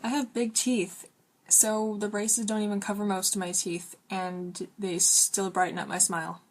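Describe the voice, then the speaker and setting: A woman talks with braces in a casual vlog style, her voice sitting at a medium pitch. She is chatty and rambles along, often breaking into her own sentences to add an aside. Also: level tone, normal speed. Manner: talking with braces; rambling, chatty, self-interrupting. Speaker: vlogger. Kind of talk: casual chat to camera.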